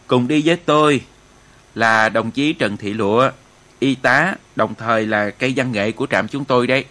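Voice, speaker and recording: A man's voice: mid-range voice, unhurried, fairly bright tone, lightly acted. A man voicing a proud male relay station chief who speaks formally with small hesitations. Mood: teasing.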